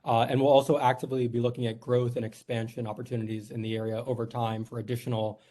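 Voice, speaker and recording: A man's voice: medium pitch, little pitch movement, fast, dark tone. A man from New York, a company executive giving a formal presentation at a board meeting, earnest and polite, with frequent "uh"s. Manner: earnest, filler-heavy, polite.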